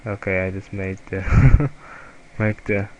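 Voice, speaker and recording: A young man with a German accent, a German native speaker, giving a halting, self-correcting software tutorial over a screen recording. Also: fairly low pitch, highs cut off, a little hiss or hum. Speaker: student presenter.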